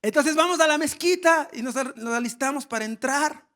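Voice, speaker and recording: A male pastor preaching a sermon, telling a funny story with lively acted shouts. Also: very high-pitched, fairly quick. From Ecuador. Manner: storytelling with humor and animated shouts.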